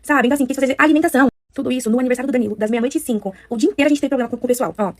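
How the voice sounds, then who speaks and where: A woman's voice: high-pitched, darkish tone, dry recording, studio quality. A woman in her thirties with a Brazilian Portuguese accent, venting to her followers from home in an upset, repetitive way. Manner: upset, rapid, repeats herself for emphasis. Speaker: influencer talking to followers. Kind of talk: casual venting to camera. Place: at home, indoors.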